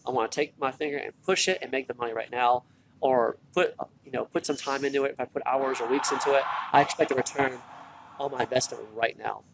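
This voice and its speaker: This motivational vlog comes from a sleep-deprived online marketer and ex-military recruiter standing in a hospital corridor or waiting area. His medium-pitched voice moves fast, casual yet earnest, circling back to repeat key points while faint hospital sounds carry in the background.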